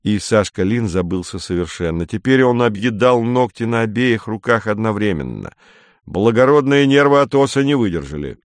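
Low-voiced man reading a story. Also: no echo. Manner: measured, expressive, reads all roles. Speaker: narrator.

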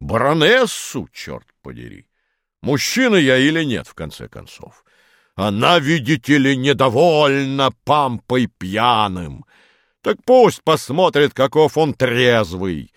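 A huge red-cheeked baron from a storybook, booming and blustering, as a male reader puts him on. He stretches his words out slowly and keeps his voice raised and lively, rising higher than the narration around him. The recording is dry and close. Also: no room sound. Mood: indignant.

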